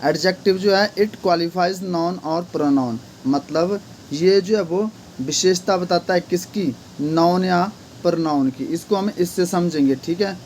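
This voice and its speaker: A man's voice: high voice, takes it slowly, darkish tone, a little hiss or hum. A man teaching an English grammar lesson, repeatedly asking questions and answering them himself.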